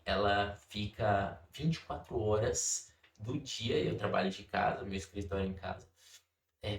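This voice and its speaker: A young Brazilian man giving a casual devotional talk from his home office, chatty and full of fillers. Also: fairly low pitch. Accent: Brazilian Portuguese. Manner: conversational, many fillers, acts out his daughter's words. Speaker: devotional speaker. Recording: roomy echo, distant mic.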